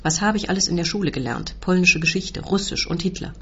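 A woman reading a literary story aloud in a dry, measured way. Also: on the low side, breathy edge. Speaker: narrator reading her own story. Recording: dull lo-fi recording.

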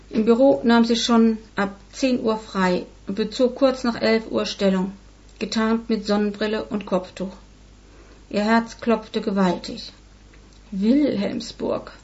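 Woman narrator, storybook reading, expressive, slightly dull recording. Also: medium pitch.

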